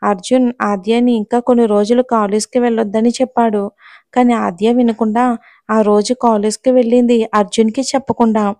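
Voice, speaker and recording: A woman storyteller reads a romance novel in a steady, even narration. Her voice sits a little high. The recording is close and dry, with no room sound. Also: a little fast, no echo.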